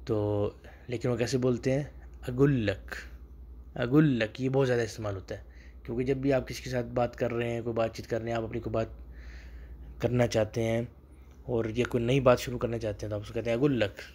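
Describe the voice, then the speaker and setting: A man giving a video lesson on spoken Arabic dialect, explaining phrases patiently and repeating each one slowly with emphasis. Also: medium pitch, little pitch movement, darkish tone.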